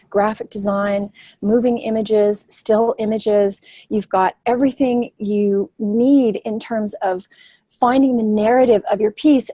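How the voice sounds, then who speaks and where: A woman's voice: medium pitch, mellow, no echo, poor audio. A filmmaker woman leading a webinar workshop on storytelling, speaking in an enthusiastic, fluent, teacherly way over a video call. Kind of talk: webinar presentation.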